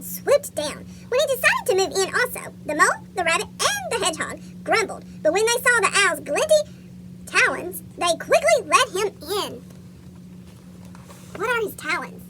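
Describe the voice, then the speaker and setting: Someone voicing a chipmunk with a squeaky cartoon voice, reading a picture book aloud to children. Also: sing-song, moderate pace, noisy background. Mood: chirpy storytelling. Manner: asks young listeners questions. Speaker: story reader for children.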